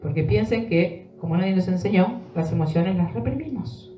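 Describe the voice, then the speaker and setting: A woman's voice: fairly low pitch, animated, normal speed, mellow, faint music behind. A woman with an Argentine accent talking to a live group about emotions, earnest and emphatic, often checking in with her listeners. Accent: Argentine Spanish. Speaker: speaker leading an emotional workshop. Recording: dull, roomy sound from a distant mic.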